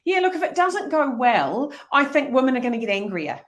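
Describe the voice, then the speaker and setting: A middle-aged woman, an energetic leadership speaker talking as an interview guest. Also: high-pitched, fairly quick. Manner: energetic, animated storytelling. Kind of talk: conversational interview.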